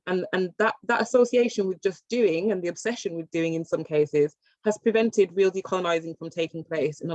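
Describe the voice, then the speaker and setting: A British woman from England gives an informal, chatty online workshop presentation full of fillers and restarts. Her lowish, darkish voice comes through muffled, dry video call audio.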